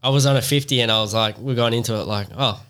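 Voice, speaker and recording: A young Australian man answers as a guest in a casual studio interview. His pitch is in the middle for a man. He speaks in a laid-back, slangy way, like a racer among mates. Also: very fast, a bit bright. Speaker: motocross racer, podcast guest. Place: podcast studio.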